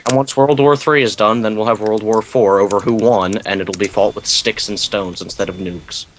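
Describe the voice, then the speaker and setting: Low-voiced young guy as podcast co-host, dry wisecracker. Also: fairly even intonation, moderate pace, slight background noise, poor audio. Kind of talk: casual chat.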